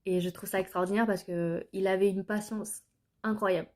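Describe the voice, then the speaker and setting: A woman's voice: medium pitch, fairly even intonation, normal speed, a little mellow. Young woman from France, vlog storytelling, earnest, hesitant, lots of fillers and restarts. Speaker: vlogger telling her life story. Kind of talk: personal storytelling to camera.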